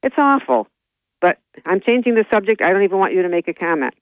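A woman's voice: medium pitch, sing-song. Woman calling in on a landline phone. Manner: blunt, teasing, halting with fillers. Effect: over a landline phone. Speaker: caller. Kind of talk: call-in radio chat. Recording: tinny landline phone line, dry.

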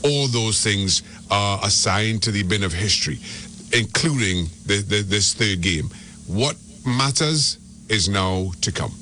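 A man's voice: fairly low pitch, lively intonation, unhurried, pushed and bright, slight background noise. A man from Trinidad and Tobago, giving soccer analysis as a radio guest and often restarting his words. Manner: repeats and restarts words when making a point. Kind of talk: radio sports talk.

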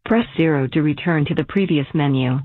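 Automated phone system voice, woman, spliced-together recorded prompts, low, tinny phone line, dry. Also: fairly quick, dry recording. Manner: flat scripted menu announcements. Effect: recorded prompts spliced together with inserted names and places.

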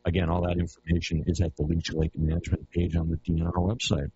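A man's voice: low voice, completely flat delivery, fast. A man hosting a radio interview, asking plain, friendly questions, heard as a recording taped off the radio. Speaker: radio outdoors show host. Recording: dull lo-fi radio tape with faint hiss.

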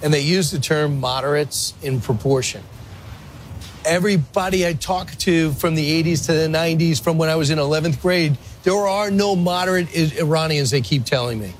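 Male radio host in his fifties, slightly higher voice, chatty questions with stumbles. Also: slight background noise. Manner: conversational, quick questions with restarts. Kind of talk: radio interview.

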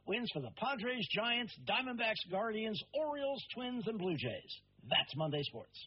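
A man reading a brisk, punchy radio sports roundup, taped off the radio. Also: high-pitched, sing-song, breathy edge. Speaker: sports newscaster. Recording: lo-fi radio recording.

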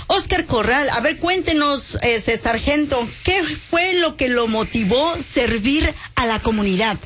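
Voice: sits high, lively intonation, measured pace, fairly bright tone. Radio host, bilingual interview, faint background hiss.

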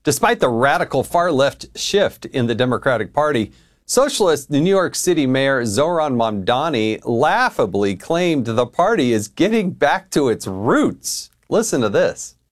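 A man's voice: medium pitch, sing-song, a little slow. A man hosting a cable news show, delivering pointed, mocking commentary and introducing guests. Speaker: TV news host.

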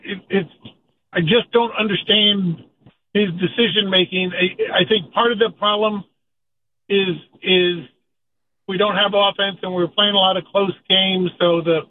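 A man calling in to a radio talk show over a phone line, talking casually and stumbling over repeated words as he starts his sentences. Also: high-pitched. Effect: phone line call-in audio. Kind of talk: casual call-in sports talk.

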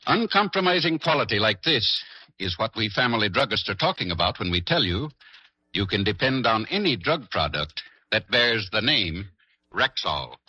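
A man reading a scripted commercial in a measured, formal way, heard as an old 1950 radio broadcast. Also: lowish voice, sing-song, bright, forceful tone. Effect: old 1950 radio broadcast sound. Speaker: radio announcer. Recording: lo-fi archival radio recording.

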